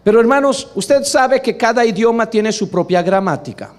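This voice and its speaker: A man preaching a sermon with a high, bright voice. He is emphatic and keeps asking the congregation for agreement. His delivery swings between quiet asides and loud exclamations. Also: animated, normal speed. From Latin America.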